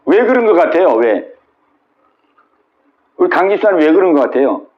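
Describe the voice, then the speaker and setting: A man's voice: a little high, very animated, normal speed, muffled recording. A male pastor preaching a Wednesday sermon at a small church, retelling scripture with dramatic quoted voices and asking the congregation questions.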